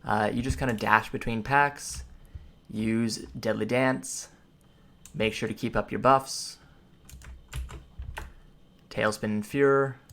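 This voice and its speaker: A man's voice: lowish voice, steady tone, slow, vocal fry, long pauses, fairly bright tone. A man giving casual, explanatory gameplay commentary, rambling through ability names and tips as he plays. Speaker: gamer giving a character class guide. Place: indoors at a computer, voice over gameplay.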